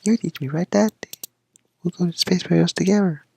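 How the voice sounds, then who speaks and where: A man's voice: fairly quick, gravelly, husky, exaggerated voice. A man putting on an eager little boy. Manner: eager, high and bright. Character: excited young boy.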